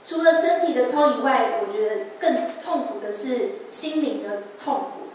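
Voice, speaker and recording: In a church sanctuary, a woman in her twenties gives an earnest, emotional personal testimony in a slightly high, expressive, darkish voice at a moderate pace. The church hall echoes, the mic is distant, and there's faint noise.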